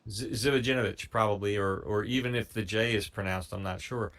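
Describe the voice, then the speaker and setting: A man co-hosting a music reaction show, chatting in an easygoing, measured way and telling stories about the band. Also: on the low side, steady tone, a bit bright. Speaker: show co-host picking the music. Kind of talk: casual chat.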